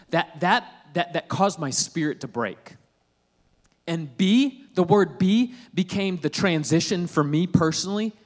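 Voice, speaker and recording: A pastor in his thirties with a voice on the high side preaches a sermon in a conversational, humorous style. His delivery climbs to loud, emphatic peaks.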